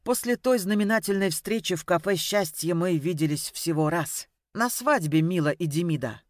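A woman's voice: fairly low pitch, lively intonation, normal speed, dry recording. Woman narrating an audiobook, dry sound. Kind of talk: first-person audiobook narration.

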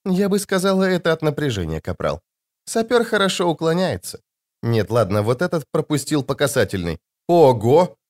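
A sly young woman soldier who needles her corporal in a snide, hushed voice, read by a male narrator. Storybook reading. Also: on the high side, sing-song, normal speed. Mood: mocking. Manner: snide, half-whispered.

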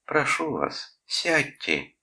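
A man's voice: medium pitch, expressive, a little fast, creaky, pushed and bright, pitched above the performer's own voice. A man voicing a teenage boy who clowns theatrically and plays falsely polite. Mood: mocking. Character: teen boy prankster faking a swooning woman.

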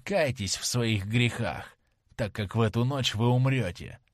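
A man reading a vengeful young sailor in an audiobook, speaking slowly and heavily. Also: mid-range voice, no echo, clean studio sound, lightly acted. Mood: menacing. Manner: slow, heavy and menacing. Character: vengeful rough young sailor, grim and threatening.

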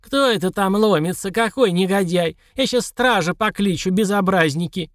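A man's voice: high-pitched, normal speed, dry recording, pitched above the performer's own voice, close to an everyday voice. An eighty-year-old manservant, as a male audiobook reader puts him on, cantankerous and cheeky, grumbling in a raised, pinched voice. The sound is close and dry, with no room around it. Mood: scolding. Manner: scolding, grumbling. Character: old male servant, grumpy, tipsy, cheeky.

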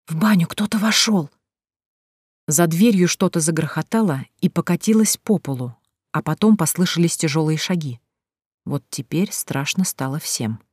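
A woman with a low-set voice narrates an audiobook in a lively storytelling manner and voices each character herself. The recording is dry and close, with no room echo. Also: normal speed.

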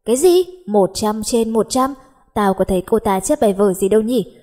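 Cocky teen boy picking fights in class, read by a woman, mellow husky voice, audiobook. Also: mid-range voice, normal speed, lightly acted. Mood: teasing. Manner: teasing, bickering. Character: cocky teenage schoolboy, teasing and nosy.

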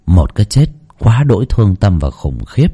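A man narrating a horror story audiobook in a dramatic, expressive storytelling manner. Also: on the low side, normal speed, husky.

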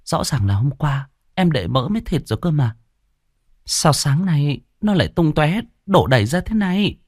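A man voicing a fretful middle-aged village mother who scolds in a shrill voice for an audio ghost story. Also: very animated, normal speed, a little mellow, no room sound. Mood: exasperated. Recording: dry close studio voice.

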